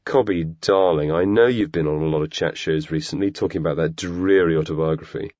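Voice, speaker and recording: A sneering, theatrical young activist host, as a male narrator puts him on, full of sarcasm and mock politeness. The voice sits well above the reader's own low range and comes across dull and lo-fi, close and dry. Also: fast, a little mellow, no room sound.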